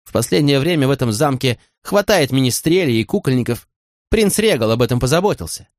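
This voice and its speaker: A man's voice: medium pitch, lively intonation, extremely slow, no room sound, studio quality, pitched above the performer's own voice. A man voicing a hurt, bitter young woman servant in an audiobook, cool and clipped at first, then pouring out reproach. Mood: reproachful. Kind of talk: audiobook character voice.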